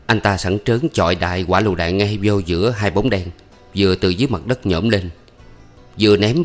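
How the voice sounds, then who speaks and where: Low-voiced male storyteller. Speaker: narrator.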